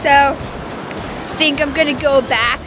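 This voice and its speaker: Young woman, high voice, excitable, casual outdoor vlog, music behind. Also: slow pace. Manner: excitable, exclaiming. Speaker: vlogger. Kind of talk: casual handheld beach vlog. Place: outdoors on a beach. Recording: outdoor beach recording with music.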